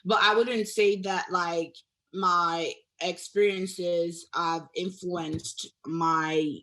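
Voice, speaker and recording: Young adult woman from Nigeria, interview guest; slow, hesitant, bright tone. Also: fairly low pitch, fairly even intonation. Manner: hesitant, many fillers and restarts, laughs often. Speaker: guest artist. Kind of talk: casual interview chat.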